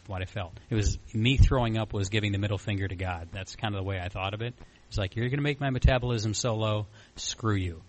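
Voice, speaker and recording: A man in his mid-forties shares his personal story at a recovery meeting, rambling informally in a candid, self-deprecating way. His voice is lowish, and the recording is low quality.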